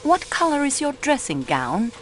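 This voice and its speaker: A woman playing a patient, courteous investigator for a detective, asking questions in a formal, calm way. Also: high voice, normal speed, a little hiss or hum, full character voice. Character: polite, patient assistant to a French detective.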